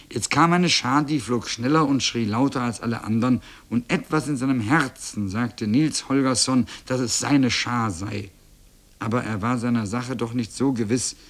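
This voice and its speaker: A man reading a children's classic aloud on radio in a calm, measured storytelling voice. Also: mid-range voice. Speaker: reader.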